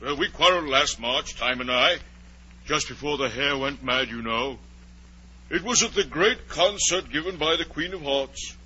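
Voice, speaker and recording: An actor playing a mad, touchy, fussy Hatter in a theatrical, blustering 1940s radio drama style. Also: male voice, a little high, normal speed, bright, forceful tone, slightly rough, heavily acted. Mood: aggrieved. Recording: muffled old 1940s radio recording.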